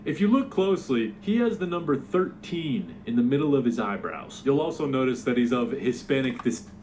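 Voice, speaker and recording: A man reading a commentary script in a measured, wry tone at an ordinary pitch. A faint hiss runs under the narration. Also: animated, a little mellow. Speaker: narrator of the reacted video.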